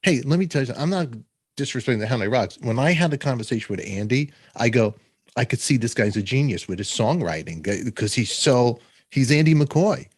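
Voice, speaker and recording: Husky man hosting an interview. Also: medium pitch, animated, brisk, no echo. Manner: enthusiastic, tells his own anecdotes. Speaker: podcast host. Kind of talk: casual interview.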